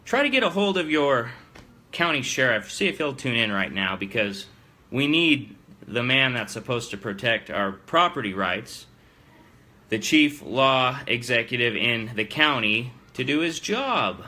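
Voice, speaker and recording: A man with a bright, forceful voice at a middling pitch hosts a live political show. He speaks plainly and with emphasis, addressing listeners directly. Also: lively intonation, a little slow. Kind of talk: political commentary to an audience.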